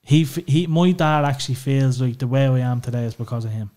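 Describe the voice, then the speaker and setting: A dark, steady, medium-pitched voice with a brisk delivery comes from an Irish man guesting on a podcast. It's a candid personal conversation in which he talks openly and emotionally about family, swearing freely with many "you know"s.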